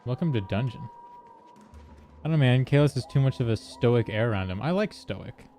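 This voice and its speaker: A man's voice: mid-range voice, animated, a little fast, dark tone. A man giving casual gameplay commentary, rambling with joking asides. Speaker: game streamer. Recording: faint game music behind.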